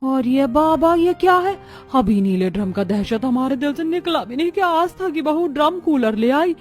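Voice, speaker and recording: A woman's voice: sits high, lively intonation, soft background music, pitched above the performer's own voice. A woman voicing a gossipy middle-aged neighbour who stirs up alarm. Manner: dramatic, gossipy, drawn-out calling.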